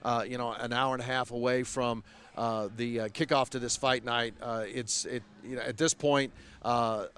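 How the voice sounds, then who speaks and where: A man's voice: medium pitch, fairly even intonation, normal speed, a bit bright. A man working as a fight night interviewer, talking in a wordy, hesitant way full of uhs before a bout. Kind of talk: pre-fight sports interview.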